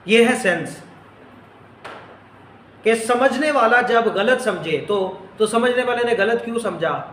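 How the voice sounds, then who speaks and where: A man teaching a Bible lesson, slowly repeating phrases so his students can write them down. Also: sits high, fairly bright tone, a little hiss or hum. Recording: echoey room.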